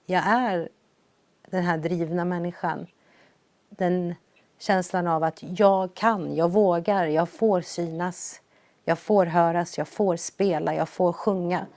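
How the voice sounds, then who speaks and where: Earnest low-voiced woman telling her story. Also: steady tone, a little mellow, no room sound. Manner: earnest, reflective, re-enacts quoted lines with lifted energy. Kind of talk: personal storytelling testimony.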